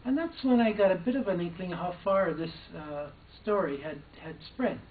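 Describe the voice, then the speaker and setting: An older man who used to be a probation officer tells a personal story hesitantly, restarting often. His voice is high-pitched at a moderate pace, and the distant, echoey, phone-like recording has a little hiss or hum.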